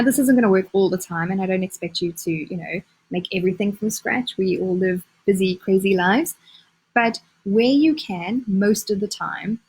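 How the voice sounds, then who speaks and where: Chatty woman with a breathy voice. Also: medium pitch, low-quality recording. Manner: chatty, many "um"s and restarts, upbeat asides. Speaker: nutrition coach. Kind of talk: casual live-stream talk.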